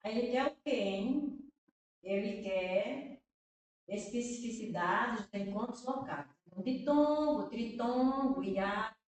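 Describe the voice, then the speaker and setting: Speaking slowly in a mid-range voice, a Brazilian teacher solves exam questions out loud, repeating words and asking her listeners "né?" and "tá vendo?". Her voice sits far from the microphone in an echoey room.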